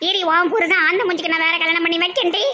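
A sharp-tongued woman with a Tirunelveli Tamil accent, scolding loudly in a village comedy sketch. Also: extremely high pitch, fairly even intonation, quick pace, slight background noise.

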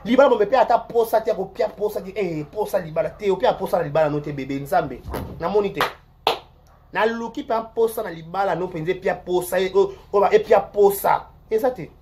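An online show host with a Congolese accent, giving rambling, animated gossip commentary that repeats words and swings between loud outbursts and mutters. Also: mid-range voice, fairly quick, noisy background.

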